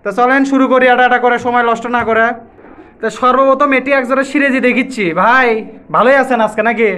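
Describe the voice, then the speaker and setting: Fast-talking man with a Bogura accent. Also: very high-pitched, fairly even intonation, sharp tone. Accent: Bogura regional Bengali. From Bangladesh. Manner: rapid-fire, repetitive questioning. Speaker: vlogger at a pigeon market. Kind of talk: casual vlog interview with a seller.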